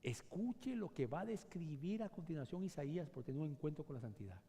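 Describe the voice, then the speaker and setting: A man preaches a sermon from a church pulpit. His voice sits a little high and leaps all over the place, jumping from loud cries down to near-whispers. The sound rings out with the long reverb of a church hall. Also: animated, fairly quick. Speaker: pastor. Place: church sanctuary.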